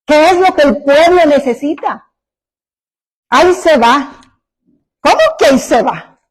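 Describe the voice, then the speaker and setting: A woman's voice: sits high, lively intonation, unhurried, rough recording. A woman pastor preaching a sermon, emphatic, full of rhetorical questions to the congregation.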